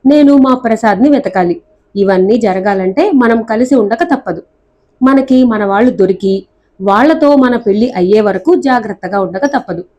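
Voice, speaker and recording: A brisk, clever young woman who switches between scolding and mock tears, voiced by a woman reading a novel aloud. Her voice sits a little high, with a soft, mellow tone. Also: lo-fi sound, lightly acted. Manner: sharp, scolding, theatrical pleading.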